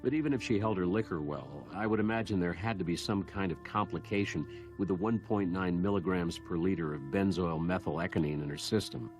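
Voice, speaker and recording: Brief: male actor as affable morgue doctor for a crime game, low register, dryly witty and matter-of-fact, music clearly underneath. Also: fairly quick, hardly any pauses, darkish tone, close to an everyday voice. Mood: genial, wry. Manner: chatty, dryly humorous, matter-of-fact about gruesome details. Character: genial, wry male medical examiner in a morgue. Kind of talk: video game voice acting.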